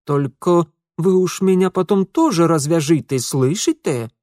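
A man's voice: on the high side, lively intonation, unhurried, dry recording, studio quality. A man reading an audiobook, voicing Ingvar, a prickly, indignant young nobleman, in a raised, sharper voice. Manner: indignant, snappish. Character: prickly, huffy young nobleman, tied up and sulking.

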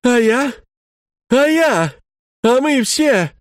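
A man voicing a desperate, furious wife who shouts at her husband in a story reading. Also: big pitch swings, very slow, dry recording, clean studio sound, exaggerated voice. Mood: shrill furious. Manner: shrill shouting.

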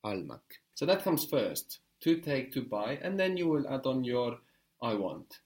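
A man teaching a language lesson, patiently explaining and drilling words slowly with a student. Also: medium pitch, sing-song, a little mellow.

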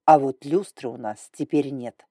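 A woman's voice: rumbling low, measured pace, mellow, slightly rough, no echo, clean studio sound, voice pushed down, heavily acted. A woman reading an audiobook, voicing a stern, domineering male dragon lord with an icy, growling manner.

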